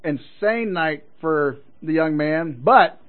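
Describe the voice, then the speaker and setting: A man's voice: on the high side, takes it slowly. A man hosting a call-in sports radio show, chatting casually in a folksy, encouraging way and often repeating his phrases. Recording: narrow phone-like radio audio.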